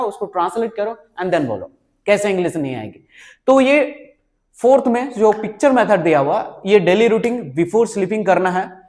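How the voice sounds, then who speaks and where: A man with a high voice teaches a spoken English lesson. He mixes Hindi with English words and asks questions that he answers himself. He often stops to check that learners follow. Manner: repeats "ठीक है?" and "right?" to check on learners.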